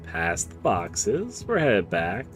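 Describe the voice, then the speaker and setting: A man streaming a horror game, giving live commentary and reading game text aloud in a drawn-out, playful, theatrical way. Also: lowish voice, wildly swooping pitch. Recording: music behind the voice. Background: game music.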